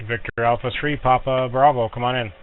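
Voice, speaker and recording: A man's voice: medium pitch, fairly quick. Man calling a ham radio net, easygoing and plain, heard over a thin noisy radio link. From Canada. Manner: relaxed, plain-spoken radio procedure. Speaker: net control operator. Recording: tinny radio audio with noise.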